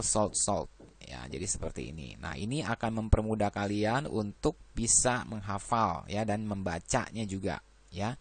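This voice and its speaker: A man's voice: fairly low pitch, no echo. A man teaching an English grammar lesson, working through verb lists and adding "ya" after nearly every phrase.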